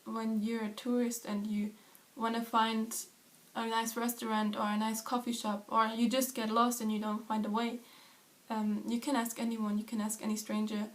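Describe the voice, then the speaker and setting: Friendly young woman, slightly high. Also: level tone, moderate pace. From Germany. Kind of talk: casual interview answers.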